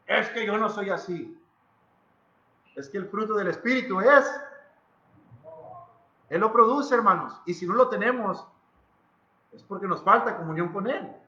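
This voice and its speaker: Speaking unhurriedly and leaving long pauses, a pastor with a Mexican Spanish accent preaches in a church hall with a high voice that is pushed and bright. His sermon is emphatic and dramatic, built on repeated phrases and questions put to the congregation. The audio is reverberant and lacks high frequencies.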